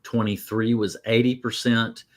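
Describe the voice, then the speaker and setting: A man's voice: medium pitch, flat delivery, measured pace, slight background noise. A man talking as a guest, explaining things in a casual, conversational way.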